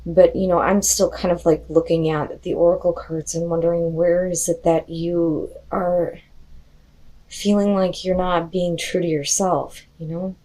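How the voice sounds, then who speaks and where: A woman, slightly hoarse from losing her voice, doing a casual tarot card reading, chatty and full of "you know" and "like" fillers. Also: on the low side, flat delivery, a little slow, warm tone. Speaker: tarot reader.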